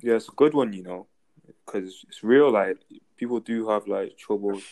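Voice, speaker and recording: A man's voice: lowish voice, normal speed, mellow. A young man with a London accent chatting casually in slang, in a matter-of-fact way. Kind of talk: casual group chat.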